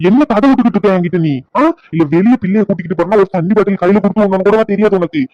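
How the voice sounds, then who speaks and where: A man's voice: sits high, very fast, no room sound, muffled recording, natural voice. A man voicing a furious cartoon husband. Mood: angry. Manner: shouting, accusing. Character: angry young husband storming home. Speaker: cartoon character.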